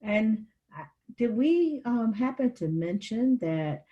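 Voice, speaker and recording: An older woman, a college educator, introducing herself in a roundtable discussion with a measured, friendly manner. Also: a little high, sing-song, highs cut off.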